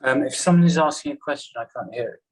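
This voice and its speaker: A man teaching a journalism class in a classroom, talking in a halting way and often checking in with "okay?". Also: medium pitch, husky, low-quality recording. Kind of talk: classroom lecture.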